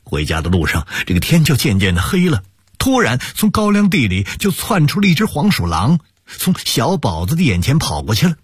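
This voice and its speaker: Husky weepy younger bro, voice jumps up high, man acting it out. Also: huge pitch swings, moderate pace, no room sound, studio quality, heavily acted. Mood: distraught. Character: younger brother, weepy and distraught.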